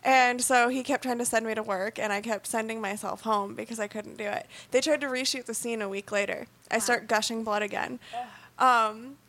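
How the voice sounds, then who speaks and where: A young woman with a fairly high voice tells blunt stories full of swearing in a loose chat. She talks plainly and doesn't hold back. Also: steady tone, moderate pace, fairly bright tone. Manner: blunt, profane storytelling. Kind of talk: casual chat.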